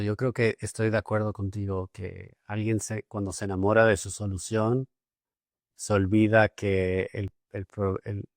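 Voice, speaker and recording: A man's voice: lowish voice, a little mellow, dry recording, clean studio sound. A man hosting a podcast interview, talking thoughtfully with many hesitations and repeated words. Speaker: podcast host. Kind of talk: casual interview conversation.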